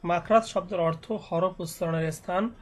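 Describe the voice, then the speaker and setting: High-voiced man, slow Quran reading lesson. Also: steady tone. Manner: spells syllables slowly, then explains patiently. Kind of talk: slow spelling drill and explanation.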